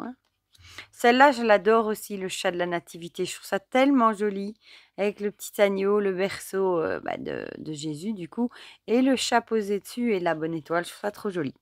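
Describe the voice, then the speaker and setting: A woman's voice: medium pitch, no room sound, clean studio sound. A woman casually reviewing an oracle card deck for her channel, chatty and enthusiastic, with lots of fillers, reading the guidebook aloud at times. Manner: chatty, enthusiastic, many fillers like euh and du coup.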